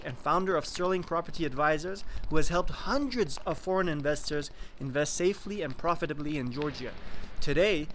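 Young guy doing a selfie sales pitch outside, upbeat, slightly high voice, little outdoor hiss. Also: fairly bright tone. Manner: upbeat and persuasive, pitching to investors. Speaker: real estate investor and vlog host. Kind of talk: enthusiastic sales vlog to camera. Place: outdoors at a mountain resort, sunny. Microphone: phone held at arm's length, selfie video.

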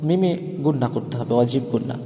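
A man teaching Quran reading, spelling out syllables slowly and breaking into melodic chanted recitation. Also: medium pitch, lively intonation, dark tone, big-room sound.

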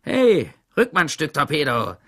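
A man voicing a cheerful, cocky teenage boy who leads his group, talking loudly and jovially. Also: a little high, wildly swooping pitch, normal speed, voice pushed up, exaggerated voice. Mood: boisterous. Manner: loud, jovial, bossy.

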